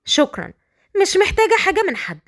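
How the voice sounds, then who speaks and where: Woman doing a proud young bride, high bright voice, defiant, storybook. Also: huge pitch swings, quick pace, gravelly, exaggerated voice.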